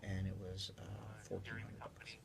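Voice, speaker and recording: A man's voice: lowish voice, moderate pace, gravelly. Upbeat male radio host, crowd behind. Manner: loud, upbeat announcing, then relaxed banter. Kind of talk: casual radio chat. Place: radio studio with a speaker playing. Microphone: studio mic with headphones.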